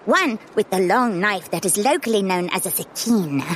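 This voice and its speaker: A woman's voice: mid-range voice, lively intonation, moderate pace, a little hiss or hum, lightly acted. A woman voicing a precocious eight-year-old boy who talks in long, formal sentences, in a full-cast audio drama. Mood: earnest. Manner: long-winded formal phrasing.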